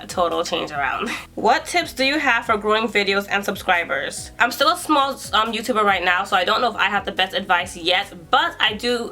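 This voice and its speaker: A woman's voice: medium pitch, bright, forceful tone. A woman in her twenties from New York, chatting casually through a Q and A vlog as a YouTuber and hairstylist, breezy and self-assured. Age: 20s.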